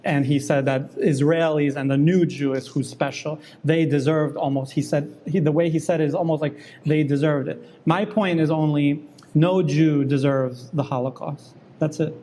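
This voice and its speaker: A man in the guest seat of an interview, arguing his case insistently and quickly, often cutting in. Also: on the high side, fairly even intonation, warm tone, slight background noise. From New York. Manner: fast, insistent, interrupts and argues back. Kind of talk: heated political debate.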